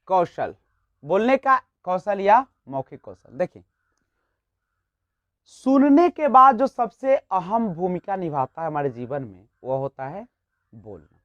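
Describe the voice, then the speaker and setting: A man's voice: sits high, no room sound. A man teaching an exam-prep lesson, explaining step by step and posing rhetorical questions to his students. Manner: explanatory, rhetorical questions, frequent tag "nahin". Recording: dull lo-fi, dry.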